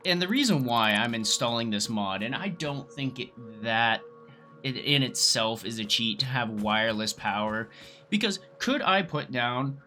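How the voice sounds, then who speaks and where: A man's voice: mid-range voice, lively intonation, normal speed, pushed and bright, faint music behind. A young man hosting a let's play, talking casually and enthusiastically, rambling a little and swearing now and then. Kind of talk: casual gameplay commentary.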